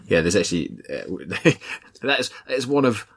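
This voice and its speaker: Bright-voiced man chatting in an attic. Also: on the low side, very animated, moderate pace, vocal fry, breathy edge. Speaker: podcast host. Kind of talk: casual chat. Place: attic room of a family house.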